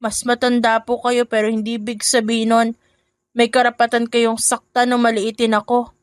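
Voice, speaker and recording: A woman voicing a young stepdaughter who answers back calmly, politely and firmly. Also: fairly high pitch, moderate pace, dry recording, studio quality, lightly acted. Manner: calm, polite and firm. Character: young stepdaughter, calm, polite, newly brave.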